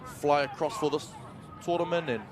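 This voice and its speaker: Male sports commentator, broad Kiwi accent, slightly high voice, animated, noisy outdoor ground with loud crowd. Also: moderate pace. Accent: broad New Zealand. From New Zealand. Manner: animated announcer delivery. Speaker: lead rugby league commentator. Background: loud crowd and outdoor noise.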